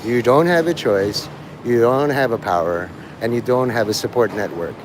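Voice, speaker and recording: At a moderate pace and medium pitch, a male live streamer rambles casually to his audience, wandering off topic, speaking bluntly and cursing. Traffic and passing vehicles are plainly audible outdoors.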